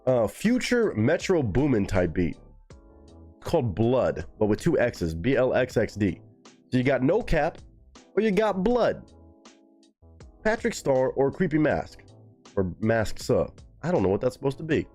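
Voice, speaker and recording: Chatty, animated male streamer. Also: mid-range voice, a little slow, faint music behind. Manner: loose, chatty, swears casually, answers chat. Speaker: live-stream host. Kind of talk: casual live-stream chat.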